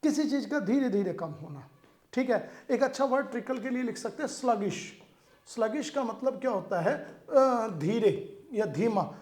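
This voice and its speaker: A man's voice: very high voice, lively intonation, measured pace, a little mellow. Indian man teaching exam English. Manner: explains word meanings in Hindi mixed with English, repeating "ठीक है". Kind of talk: exam-prep vocabulary lesson.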